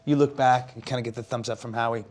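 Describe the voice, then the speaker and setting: A man working as game master, improvising narration for a tabletop game in casual, descriptive, halting phrases. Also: mid-range voice, fairly even intonation, a little mellow.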